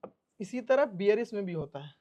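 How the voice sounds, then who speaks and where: In a recorded trading-course lesson, a man talks through a chart in stages, repeating terms and checking understanding as a teacher would. His high voice is animated, brisk and a little mellow.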